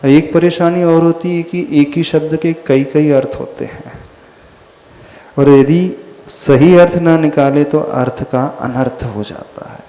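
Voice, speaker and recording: A man, a monk, giving a slow devotional teaching discourse, often asking his listeners questions. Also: on the high side, steady tone, warm tone. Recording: echoey hall.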